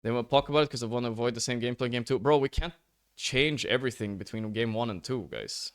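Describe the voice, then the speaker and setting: A man's voice: mid-range voice, fast, a bit bright, clear, resonant tone. A man streaming to his chat, frustrated, repeating "like, bro" and swearing freely while he reviews a match recording. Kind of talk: casual chat to stream viewers. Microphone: headset or desk mic, turned up high.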